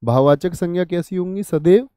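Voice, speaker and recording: A man's voice: high-pitched, moderate pace, dark tone, clean tone, no echo, clean studio sound. A man teaching a Hindi grammar lesson for exam prep, asking questions and answering them himself, calling his students brother and friend. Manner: addresses students familiarly, 'bhai sahab', 'dost'.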